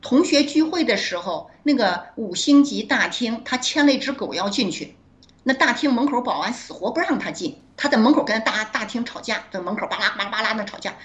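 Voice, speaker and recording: A woman doctor, a guest in an interview, telling a story with frequent laughs and quick self-corrections as she acts out dialogue. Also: fairly high pitch, lively intonation, a bit bright. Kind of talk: animated storytelling in conversation.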